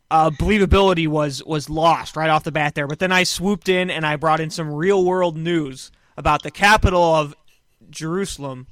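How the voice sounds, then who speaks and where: A man hosts a casual podcast from a couch, rambling through deadpan jokes. His voice is bright and a little high, recorded dry and close. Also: dry recording. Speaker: podcast host. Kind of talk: casual chat. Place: small room on a couch.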